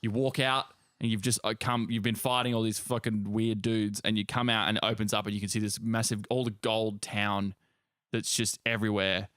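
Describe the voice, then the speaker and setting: A man's voice: fairly low pitch, flat delivery, a little fast, fairly bright tone, dry recording, studio quality. A man co-hosting a casual gaming podcast, rambling and swearing freely. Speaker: podcast co-host.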